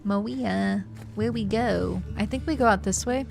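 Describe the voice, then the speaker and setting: Slow, chatty, giggly woman streamer. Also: medium pitch, vocal fry, darkish tone. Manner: chatty, giggly, talks to herself and chat. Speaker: game streamer. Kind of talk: casual live gameplay commentary. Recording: game music faint behind.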